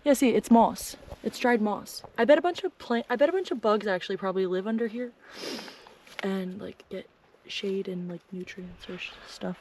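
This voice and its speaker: A woman's voice: medium pitch, normal speed, dark tone, a little hiss or hum. A woman talking in a playful, teasing way while hiking a trail outdoors with her cousin. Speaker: vlogger's cousin and hiking companion. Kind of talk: casual chat on a hike.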